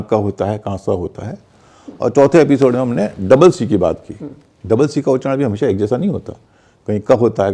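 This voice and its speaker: A man leads a pronunciation lesson in a methodical, explanatory way. He spells words out letter by letter and repeats each example. His voice is gravelly, with a dark, mellow tone. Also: mid-range voice. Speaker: pronunciation teacher.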